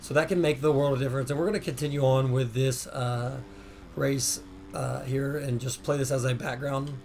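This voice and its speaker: A hoarse man hosting a gaming channel, talking casually over gameplay as he explains racing tips. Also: medium pitch, steady tone, moderate pace, darkish tone, slight background noise. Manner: laid-back, peppers talk with "man". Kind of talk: casual game tutorial voice-over.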